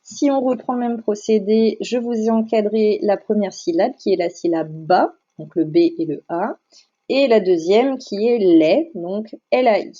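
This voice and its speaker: Teacher speaking slowly, mellow voice. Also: female voice, medium pitch. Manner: slow, careful, over-articulating sounds and syllables. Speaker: primary school teacher. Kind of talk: recorded phonics lesson for children. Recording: slightly dull lo-fi voice recording.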